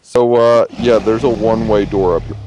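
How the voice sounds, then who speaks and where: A man's voice: lowish voice, fairly even intonation, moderate pace, background noise. A man chatting casually as he plays along in a video game. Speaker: co-player in a gaming video.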